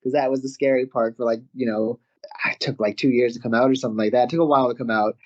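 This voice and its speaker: Speaking quickly in a mid-range voice, a man with a Canadian accent shares stories as a wrestler guest in a relaxed interview. Lively throughout, he frequently breaks into laughter mid-tale, and the recording sounds a bit muffled.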